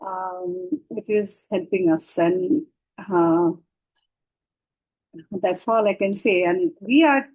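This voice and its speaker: A woman's voice: mid-range voice, slow, pauses often, a little mellow, low-quality recording. A woman, speaking as a panelist in an online discussion in a hesitant, practical way. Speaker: panelist, solar cooker user.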